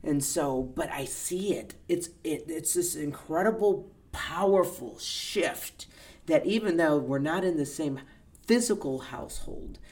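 A woman's voice: deep voice, animated, unhurried, a little mellow. A middle-aged woman guest in a casual conversation, speaking earnestly and reflectively about personal growth.

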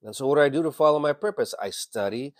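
A man's voice: medium pitch, fast, no echo, clean studio sound. A man in his fifties who works in emergency medicine, talking through a reflective personal monologue in a rambling way. He leans on "you know", swears casually and often restarts his sentences. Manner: frequent restarts and repeated words.

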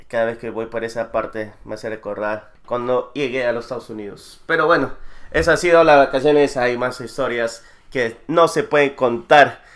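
Laughing man telling travel stories. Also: mid-range voice. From lives in New Jersey. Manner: laughs often, relaxed storytelling. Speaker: podcast co-host, producer. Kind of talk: casual chat.

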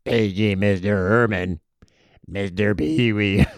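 A Canadian-born male host imitating a bellhop with a soft hotel lobby announcement in a lowered voice. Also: fairly even intonation, slow, no echo. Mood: mock paging.

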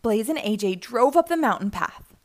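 In a fairly high-pitched voice at a moderate pace, a woman reads aloud from a children's picture book, telling the story expressively.

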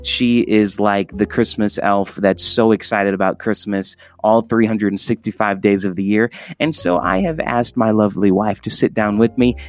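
A young man hosting a podcast at home, talking in an earnest, emphatic, preacherly way. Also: fairly low pitch. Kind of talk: casual sermon-style podcast talk. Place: home, by the Christmas lights.

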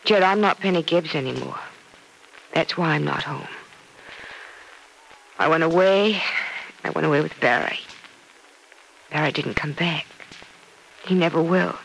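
Heartbroken young woman, sorrowful, earnest, slightly gravelly voice, 1940s radio drama. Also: deep voice, measured pace, long pauses, fairly bright tone, a little hiss or hum, exaggerated voice, rough recording. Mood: grieving.

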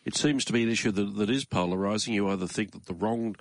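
A man with an Australian accent hosting a morning racing talk show from a studio in a measured, conversational way. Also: on the low side, no echo. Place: radio studio.

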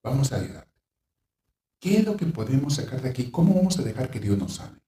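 Animated man, distant and roomy. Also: medium pitch. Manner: animated, acts out panicked reactions in quick bursts; gentle, reassuring when voicing comfort. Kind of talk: reflective talk giving advice.

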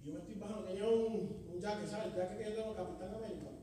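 A man preaching a sermon testimony in a church, swinging from loud exhortation to hushed storytelling. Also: high-pitched, racing, slight background noise. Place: church sanctuary. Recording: echoey hall, distant mic.

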